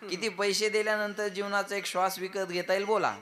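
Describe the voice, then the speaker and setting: A high-pitched man preaches a kirtan sermon of devotion, his tone level and fairly bright. Again and again he asks listeners to respond, easing his pace to chant the verses.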